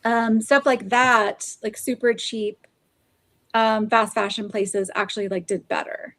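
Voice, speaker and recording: A woman's voice: on the high side, fairly even intonation, unhurried, a bit bright, dry recording. A woman co-hosting a casual podcast chat, talking in loose, rambling sentences full of fillers. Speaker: podcast co-host. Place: Oklahoma, US.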